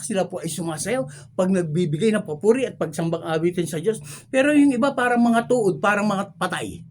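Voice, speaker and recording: A woman pastor giving a lively sermon, often turning to the congregation with questions and slipping in English phrases. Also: mid-range voice. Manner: lively preaching, keeps prompting listeners with questions; mixes English phrases into the talk.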